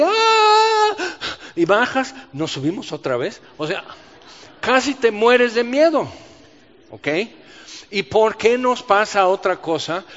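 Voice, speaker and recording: A man preaching a sermon, animated, asking rhetorical questions and acting out the voices he quotes. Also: high voice. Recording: dull sound with long reverb in a large hall.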